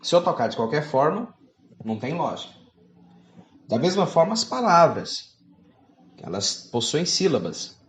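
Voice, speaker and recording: A man's voice: on the high side, very animated, unhurried, pauses often, roomy sound. A man preaching a teaching sermon, reading scripture aloud and asking his listeners rhetorical questions.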